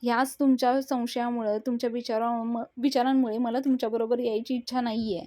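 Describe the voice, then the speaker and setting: A woman's voice: a little high, flat delivery, brisk, warm tone, no room sound, close to an everyday voice. A woman voicing a young woman who defies her father, hurt but firm and reproachful.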